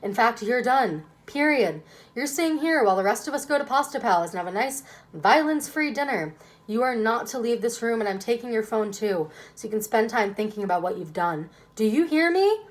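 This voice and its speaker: A woman's voice: fairly high pitch, expressive, brisk, lightly acted. A woman voicing a stern, angry father who scolds his daughter firmly and emphatically in a children's book reading. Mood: angry, ashamed.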